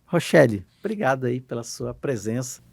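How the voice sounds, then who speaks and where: Guy hosting a podcast interview, medium voice, dry close sound, quick friendly questions. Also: mid-range voice, sing-song, creaky, dry recording. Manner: warm introductions, brief affirmations. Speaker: podcast host, journalist.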